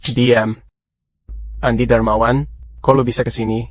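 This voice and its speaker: An actor playing a blustering project manager who turns anxious and cowed in front of someone more powerful. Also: male voice, medium pitch, level tone, measured pace, dry recording, lightly acted. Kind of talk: short drama acting.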